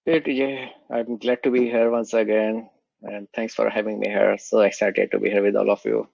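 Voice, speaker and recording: A man's voice: on the low side, level tone, normal speed, creaky, a little mellow, dry recording, muffled recording. A man with a cold, answering interview questions as a guest, earnest and explanatory. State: has a cold.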